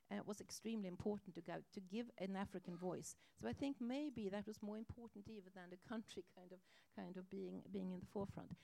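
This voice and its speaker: A woman's voice: mid-range voice, creaky, mellow. A woman being interviewed, recounting a past negotiation in a reflective storytelling way, with emphatic asides. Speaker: interviewee, organization chairperson.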